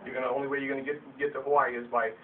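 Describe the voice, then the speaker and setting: A man's voice: medium pitch, flat delivery, very fast. A man, a sales leader, gives a blunt, emphatic motivational Q&A talk to a roomful of his team, often stumbling over restarts as he gets fired up. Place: meeting room with an audience. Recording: distant, tinny, faintly hissy camera audio.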